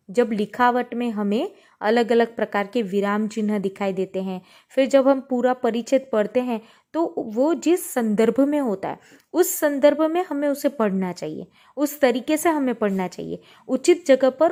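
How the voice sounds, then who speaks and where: A woman's voice: fairly high pitch, a little mellow. A woman teacher explaining a textbook lesson, patiently reading example sentences aloud with stress on different words. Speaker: Hindi teacher.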